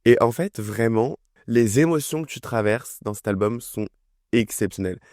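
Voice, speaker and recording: A man's voice: on the low side, animated, moderate pace, darkish tone, no room sound, studio quality. A young man casually reviewing an album, enthusiastic and chatty, with lots of fillers. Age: young adult. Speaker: music review vlogger. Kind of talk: casual chat.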